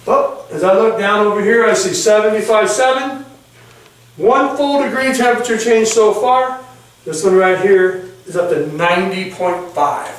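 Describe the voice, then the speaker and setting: A man with a high voice leads a live product demo, calling out numbers in a quick patter like an auctioneer and checking in with "okay?". He is far from the mic in a large room, and his voice rings with heavy echo. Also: fairly bright tone. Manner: folksy, repeats "okay?" to check in. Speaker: product presenter.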